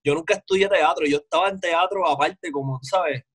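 A man, chatting as a guest in a relaxed, slangy way on a video call from his home music studio. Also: a little high, fairly quick, breathy edge. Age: 20s. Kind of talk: casual interview chat.

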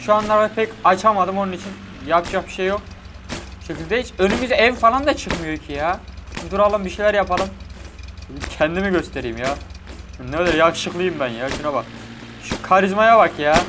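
A man giving chatty, excitable let's-play commentary to his viewers. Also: high-pitched, brisk. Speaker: gaming YouTuber. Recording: game audio and vehicle noise behind.

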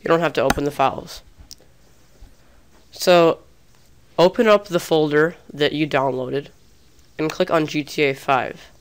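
Pitched on the high side, this young man's smooth voice moves at a measured pace with plenty of pauses. He's recording a casual, chatty gaming tutorial over his screen, restarting often, and he's a bit sick so his voice sounds slightly off.

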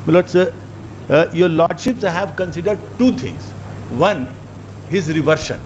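A fairly high-voiced man with an Indian accent argues as a lawyer before a judge. He pleads deferentially, halting and repeating words, on a muffled recording with clear noise. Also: expressive, darkish tone. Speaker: government counsel in court. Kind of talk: formal legal pleading. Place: crowded courtroom. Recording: muffled, noisy courtroom stream.

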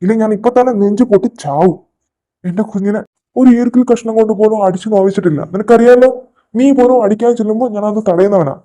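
A man's voice: sits high, quick pace, close to an everyday voice. A man voicing an angry protective father. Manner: shouting, demanding answers. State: recovering from recent surgery. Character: older father, fiercely protective and hot-tempered. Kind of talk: Malayalam fan audio drama.

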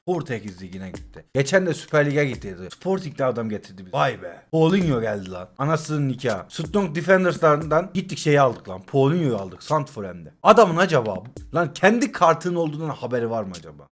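Exasperated young man commenting on his game. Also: on the high side. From Turkey. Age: 20s. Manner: exasperated, swears and pleads with the game; swings between shouting and forced calm. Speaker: gaming YouTuber. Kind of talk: live gameplay commentary.

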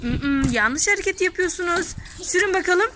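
Young mother, family vlog host, very high voice, teasing and theatrical with kids, outdoor street, phone mic, heavy background noise. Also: expressive, moderate pace. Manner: playful, mock-dramatic cries for help, coaxing children. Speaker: mother filming her son and his friends. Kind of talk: casual family vlog narration. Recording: noisy outdoor phone recording.

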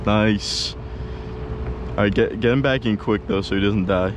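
A young man filming himself fishing from a kayak outdoors on an action camera, talking in excited slangy bursts. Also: on the low side, a little slow. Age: young adult. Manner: hyped, slangy exclamations. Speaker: fishing vlogger. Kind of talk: excited casual chat on the water. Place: kayak on open water outdoors. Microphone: action camera on the boat. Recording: outdoor noise from wind and water.

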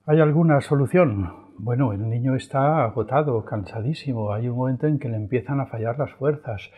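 A man from Spain with a Spanish accent giving a philosophy lecture, animated and acting out his examples. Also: mid-range voice, normal speed, husky, narrow, tinny audio.

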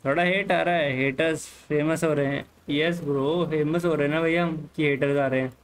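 A man with an Indian accent streaming a game live, talking casually with viewers, mixing Hindi and English and telling the chat to calm down. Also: fairly high pitch, brisk, smooth, low-quality recording. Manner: easygoing, mixes Hindi and English, calms the chat. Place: home room, hot.

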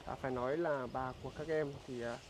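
Halting man outdoors. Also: mid-range voice, fairly even intonation, slight background noise. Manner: halting, full of filler sounds. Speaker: vlogger visiting a poor family. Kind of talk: casual on-location interview. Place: outdoors in a rural village.

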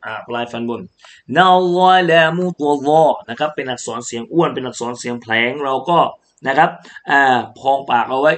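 A man's voice: mid-range voice, moderate pace, a bit bright. A man from Thailand teaching Quran recitation, chanting verses and then patiently explaining pronunciation, repeating syllables for students. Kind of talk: tajweed recitation lesson.

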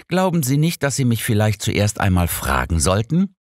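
A stubborn, touchy older doctor protests in a low voice with wide leaps of pitch, as a man reads him aloud. He comes across as indignant and sulky. The audiobook sound is dry and close. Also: wildly swooping pitch, normal speed, no room sound.

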